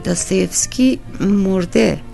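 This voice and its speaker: A woman's voice: medium pitch, vocal fry, mellow, soft background music, pitched above the performer's own voice. A woman reading an audiobook, voicing a pale, weary, stubborn female doorkeeper who speaks curtly and suspiciously. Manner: curt, suspicious, insistent.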